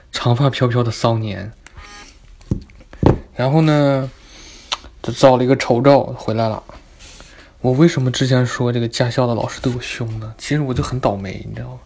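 A young man telling a story in an animated, comic, chatty way. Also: mid-range voice, slight background noise. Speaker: vlogger. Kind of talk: casual storytelling.

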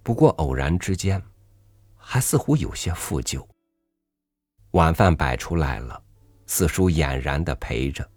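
A man narrating a literary story in a measured, reflective reading. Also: rumbling low, animated, darkish tone, dry recording, clean studio sound, faint music behind.

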